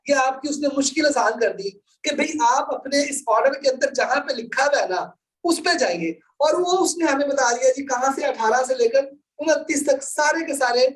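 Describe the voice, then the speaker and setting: Heard from afar on poor audio, this woman's voice is high. She is a law lecturer giving a live class, reading and explaining articles, going over her points again and again, and slipping English phrases into Hindi-Urdu.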